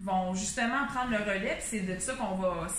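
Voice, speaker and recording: A woman's voice: medium pitch, moderate pace, fairly bright tone, reverberant, slight background noise. A woman with a Québécois French accent, a nutritionist co-hosting a casual chat, who explains things step by step and thinks aloud with restarts. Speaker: nutritionist co-host.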